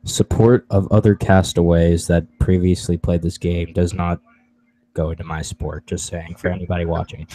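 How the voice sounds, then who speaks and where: Young male host, very deep, bossy and brisk, dry close sound. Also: flat delivery, warm tone, dry recording, poor audio. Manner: brisk, bossy, calling on others by name. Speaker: host running a cast assessment. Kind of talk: casual group call chat.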